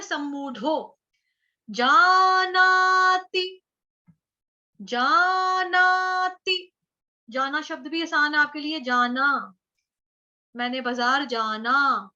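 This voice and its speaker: A woman teaching Sanskrit verse recitation in an online class, breaking words into syllables and repeating them slowly. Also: high-pitched, pushed and bright, lo-fi sound. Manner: slow syllable-by-syllable chanting with repeated drills. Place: online class over video call.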